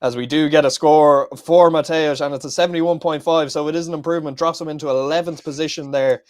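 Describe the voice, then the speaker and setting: A man giving brisk, technical play-by-play commentary on a drifting event. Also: a little high, fairly even intonation, a little mellow, no room sound. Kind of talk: live motorsport commentary.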